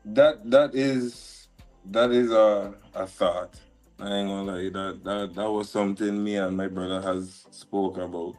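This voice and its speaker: A man, a music producer talking casually as a guest on a live stream, halting and full of slang. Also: lowish voice. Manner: relaxed, halting, lots of restarts and slang. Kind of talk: casual interview chat. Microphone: live stream call.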